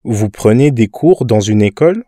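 A man playing a friendly stranger in a park, asking polite questions slowly in a scripted lesson dialogue. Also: lowish voice, animated, mellow, no echo, clean studio sound.

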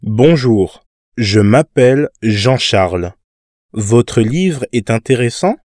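A man playing a friendly stranger in a park, asking polite questions slowly in a scripted lesson dialogue. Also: medium pitch, animated, darkish tone, no echo, clean studio sound.

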